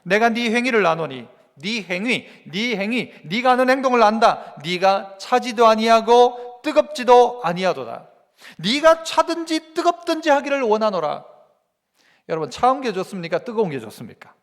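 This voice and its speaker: A man's voice: very high-pitched, expressive, moderate pace. A male pastor with a Gyeongsang accent preaching a sermon in church, asking the congregation rhetorical questions. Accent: Gyeongsang Korean. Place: church sanctuary. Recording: long church reverb.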